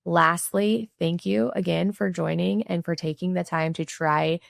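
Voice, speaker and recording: With a lowish, steady, creaky voice, a middle-aged woman from Missouri speaks at a measured pace as a podcast host. She keeps the casual interview and closing sign-off chatty, full of "like" and "right?" tags, and the studio-quality recording has no echo.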